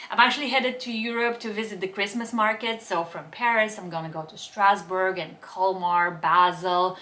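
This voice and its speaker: A woman's voice: mid-range voice, pushed and bright. A young woman from Bulgaria, speaking, chatting enthusiastically through a fashion haul and try-on. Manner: chatty, enthusiastic product descriptions. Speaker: fashion vlogger. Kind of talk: casual haul and try-on talk.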